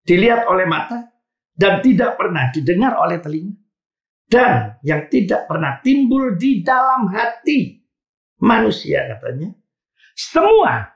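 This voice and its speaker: Pastor guy w tinge, preaching, voice jumps way up and down, echoey hall. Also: sits high. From Indonesia. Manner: lively preaching with sudden loud exclamations, addressing the congregation. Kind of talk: sermon.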